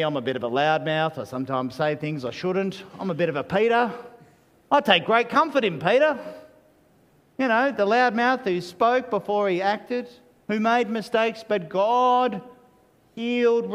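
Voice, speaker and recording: A man's voice: high-pitched, lively intonation, a little slow, a bit bright, long reverb tail. A man preaching a sermon as pastor, conversational and full of "you know" asides.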